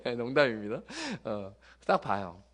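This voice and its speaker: A middle-aged male pastor preaching a sermon, telling jokey stories that swing from loud bursts to hushed asides. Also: on the low side, a little slow. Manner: lively, joking storytelling with sudden loud bursts and hushed asides.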